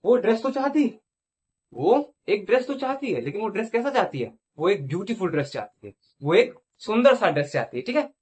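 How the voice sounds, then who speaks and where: A man's voice: sits high, sing-song, a little fast, darkish tone. A man teaching English grammar in Hindi. He asks questions, answers them himself, and checks in often. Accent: Indian. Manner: repeats phrases and checks in with "theek hai". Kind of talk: classroom lecture.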